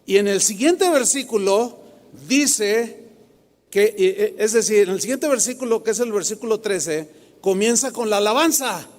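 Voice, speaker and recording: High-voiced Mexican pastor preaching in a hall. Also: male voice, moderate pace. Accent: Mexican Spanish. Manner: animated, asks the crowd questions, confrontational. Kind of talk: sermon. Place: large hall with a live congregation. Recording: long hall reverb.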